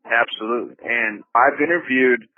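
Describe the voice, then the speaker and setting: A man's voice: mid-range voice, normal speed. A man hosting an interview over a prison payphone line, talking in a plainspoken, earnest way with frequent restarts. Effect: tinny prison payphone line. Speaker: interview host. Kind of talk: casual interview talk. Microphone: payphone handset. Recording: tinny phone line.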